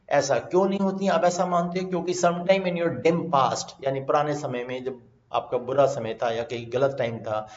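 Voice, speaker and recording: A man with an Indian accent teaching vocabulary over slides, mixing Hindi and English and slowly repeating his explanations. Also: mid-range voice. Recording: echoey, slightly dull recording.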